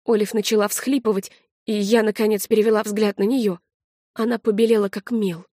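A woman narrating an audiobook in the first person with a measured, quietly tense delivery. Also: medium pitch, steady tone, no room sound, clean studio sound.

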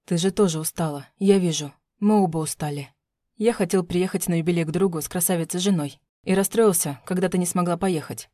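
A woman doing a controlling husband in a storybook reading, his voice pushed low and mellow. He coaxes smoothly, then turns cold and menacing, with a dry close sound. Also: brisk, no room sound, natural voice. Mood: coaxing, menacing. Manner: smooth, coaxing, then threatening through teeth. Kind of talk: audiobook narration.

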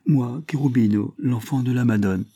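A man's voice: mid-range voice, normal speed, warm tone, breathy edge, no echo, studio quality, pitched above the performer's own voice, natural voice. A man reading aloud and voicing a bold, cold young man from the Calabrian mountains, with an intense, rising delivery. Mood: earnest.

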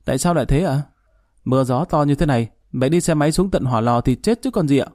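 A worried young man who blurts out anxious questions, as a male storyteller reads him. The voice is mellow and warm, recorded dry and close. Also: medium pitch, animated, fast, dry recording, close to an everyday voice. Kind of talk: storybook reading.

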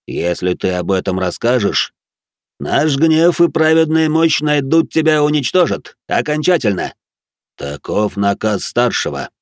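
A man voicing a male lizardfolk guard with a deep, thunderous, otherworldly voice, speaking slowly and solemnly. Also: expressive, no room sound, clean studio sound, lightly acted. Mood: warning. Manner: solemn, slow and weighty.

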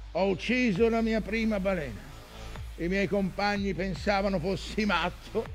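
A weary old whaling captain, obsessed and haunted by his past, in a stage monologue. The voice is gravelly and unhurried, brooding and halting, moving between hushed murmurs and fierce outcries, with faint music underneath. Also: sits high. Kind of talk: theatrical dramatic monologue.

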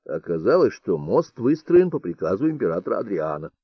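Male audiobook narrator, calm and measured, lowish voice, dry dull recording. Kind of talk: scripted narration.

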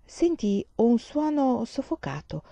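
Warm-voiced woman reading a story. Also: a little high, very animated, takes it slowly, creaky, dry recording. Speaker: reader. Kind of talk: audiobook narration.

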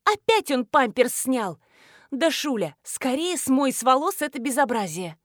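A woman's voice: high voice, very animated, a little slow, dry recording, studio quality, voice pushed up, heavily acted. A woman reading the lines of a bossy, impatient female blogger who hurries everyone along.

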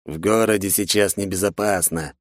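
A man's voice: deep voice, steady tone, no echo, clean studio sound, close to an everyday voice. A man doing a barking, stern academy director. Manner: barking, scolding, drawn-out emphasis. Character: stern, bossy male academy director, middle-aged. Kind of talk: audiobook character voice.

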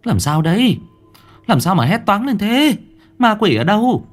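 A man doing a scolding, sharp village wife. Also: high voice, sing-song, unhurried, faint music behind, voice pushed up, heavily acted. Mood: alarmed. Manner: scolding, urgent questioning. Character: sharp-tongued middle-aged village wife.

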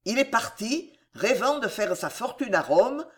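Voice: mid-range voice, big pitch swings, fairly bright tone, husky. A reader narrating a historical novel in a dramatic, storytelling manner. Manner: slow, theatrical storytelling. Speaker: audiobook narrator.

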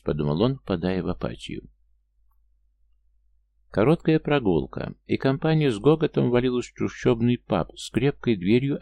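A male narrator reads a novel aloud in a steady storytelling way. His voice is very deep and dark, with a gravelly creak. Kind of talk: audiobook reading.

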